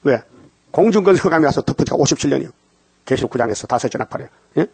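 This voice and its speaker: A man's voice: mid-range voice, animated, rapid-fire, darkish tone, husky, no room sound. An older man preaching a dawn sermon, firing questions at the congregation and answering them himself. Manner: call-and-response questions to the congregation.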